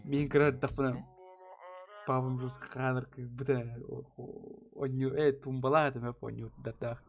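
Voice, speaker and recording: A man's voice: mid-range voice, flat delivery, moderate pace, creaky, soft background music. A young man chatting casually in slang and swearing as he streams a game. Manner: slangy, profane, laughing often. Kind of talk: casual chat over gameplay.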